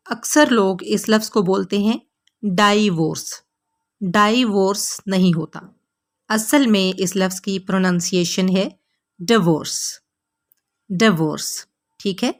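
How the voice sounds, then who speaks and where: A woman whose first language is Urdu, from Pakistan, presents an English lesson in scripted narration. She repeats words slowly for learners to copy. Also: medium pitch. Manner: slow, repeated word drills for learners. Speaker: English teacher.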